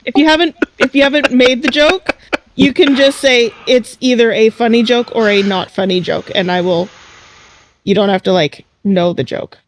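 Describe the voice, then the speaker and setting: A woman's voice: fairly high pitch, moderate pace, a little hiss or hum. A woman player chatting casually while describing her character at a tabletop game.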